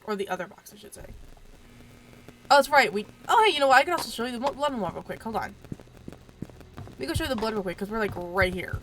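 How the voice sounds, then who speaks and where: A woman with a fairly high, expressive voice and a stuffy, allergy-clogged tone chats quickly through a casual let's-play game video, pausing often. She rambles and trails off with fillers, keeping quiet at home at night so as not to wake anyone. Her mic adds a crackle of static.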